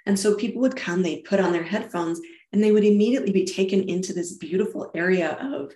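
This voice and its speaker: A little fast and mellow in tone, this German founder's mid-range voice carries through an echoey room as she talks about her event business in an interview. Her answers are conversational and enthusiastic, with frequent restarts.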